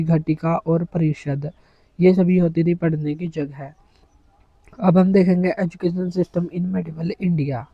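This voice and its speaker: A man's voice: a little high, no echo. A male teacher giving an exam-prep lecture, explaining terms and running through lists one by one. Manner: explains in Hindi mixed with English terms, lists items one by one. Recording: slightly dull, dry recording.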